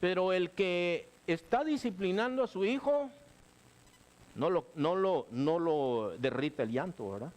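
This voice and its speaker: A middle-aged male pastor, preaching a sermon with lively, conversational asides. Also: on the high side, a little slow. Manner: animated preaching, keeps saying "hermano", acts out quoted voices.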